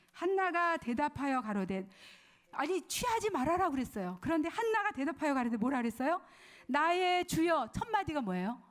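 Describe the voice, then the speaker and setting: A woman preaching a sermon to a women's worship service, telling stories lively, acting out quotes, asking the audience questions and sometimes dropping to a whisper. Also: sits high. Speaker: pastor's wife preaching.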